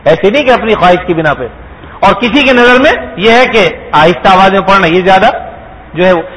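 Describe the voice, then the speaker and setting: A man's voice: high voice, lively intonation, fairly bright tone, poor audio. A man giving a sermon, explaining patiently and asking his listeners rhetorical questions. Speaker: Islamic preacher.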